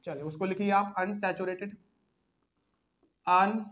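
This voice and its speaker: A man's voice: high-pitched, steady tone, measured pace, a bit bright. A man teaching a chemistry lesson at a whiteboard in Hindi with a Bihari accent, asking the class questions as he explains step by step.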